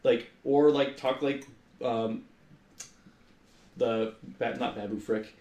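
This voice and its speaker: A man's voice: medium pitch, steady tone, slow, warm tone, echoey room. A man co-hosting a casual podcast chat, rambling and saying "like" constantly. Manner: rambling, heavy use of "like". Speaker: podcast co-host.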